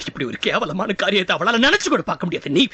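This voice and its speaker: A heartbroken, anguished young lover. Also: male voice, sits high, very animated, fast talker, loud music behind the voice. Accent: Tamil. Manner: anguished, pleading and accusing, repeats himself. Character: heartbroken young man, desperate and bitter. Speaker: jilted lover confronting his ex. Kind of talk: TV serial acting.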